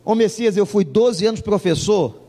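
High-voiced preaching pastor in a hall. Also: male voice, normal speed, mellow. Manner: humorous anecdotal preaching, acts out dialogue. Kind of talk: sermon with storytelling.

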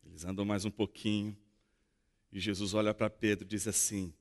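A man with a Brazilian Portuguese accent preaching a sermon as a pastor, expressive and fond of rhetorical questions. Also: fairly low pitch, moderate pace, in a large hall. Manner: expressive, acts out dialogue and asks rhetorical questions.

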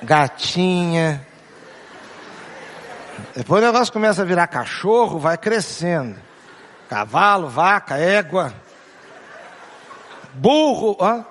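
Playful Brazilian pastor with a raised voice. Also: male voice, high voice, sing-song, takes it slowly, pauses often, fairly bright tone, slight background noise. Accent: Brazilian Portuguese. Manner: playful, acts out family voices and jokes with the crowd; asks the congregation questions and repeats key phrases. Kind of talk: humorous sermon to a congregation.

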